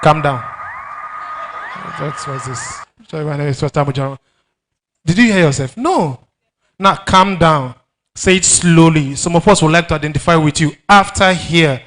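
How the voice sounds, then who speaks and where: A man with a Nigerian accent hosting a live event, joking and teasing the crowd and often shouting. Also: on the high side, measured pace. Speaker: master of ceremonies. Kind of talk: lively event hosting with banter.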